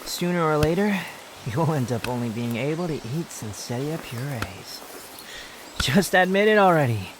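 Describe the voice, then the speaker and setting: A youthful, immortal male wanderer played by a man with a fairly high voice and a haughty, sardonic bite. He scolds and teases theatrically, as in an intimate roleplay audio drama, over steady outdoor nature sounds with insects. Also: measured pace, background noise. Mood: mocking, teasing.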